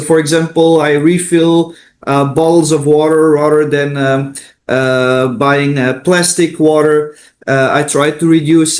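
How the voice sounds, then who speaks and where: A middle-aged man who grew up in Belgium, answering interview questions on a video call. His voice sits fairly high for a man, and he hesitates often, repeating words and filling pauses with "uh" and "um" as he thinks aloud. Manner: hesitant, many fillers and restarts. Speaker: interview guest, consultant.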